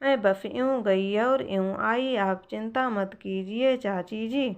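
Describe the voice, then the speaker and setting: A woman voicing a polite, gentle young woman in a storybook tale. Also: mid-range voice, slow, clean tone, dull audio. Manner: soft, polite, coaxing.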